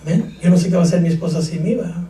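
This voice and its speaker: Preaching in a church sanctuary, a pastor with a warm, fairly high voice races along, calling out questions to the congregation in call-and-response and cracking jokes between points. The recording is echoey and far from the mic.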